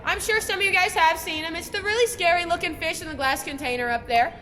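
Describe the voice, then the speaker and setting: Casting: young female tour guide, chatty and informal, high bright voice, heavy cave echo. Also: fast talker. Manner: chatty, addresses the group as guys. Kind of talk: casual guided tour talk. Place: inside a large cave, on a boat on an underground lake. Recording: echoing cave with long reverb.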